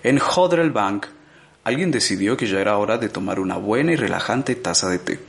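A man narrating an audiobook in a measured, expressive storytelling manner. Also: lowish voice, creaky. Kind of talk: scripted narration.

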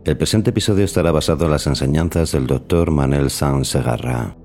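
A man hosting a podcast in measured, formal, scripted narration. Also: a bass voice, darkish tone, faint music behind. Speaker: podcast host.

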